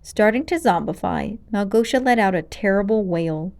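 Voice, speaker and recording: A woman reads a children's storybook aloud with expressive, dramatic delivery and clear pacing. Her voice sits in the mid range, and she speaks at a normal speed.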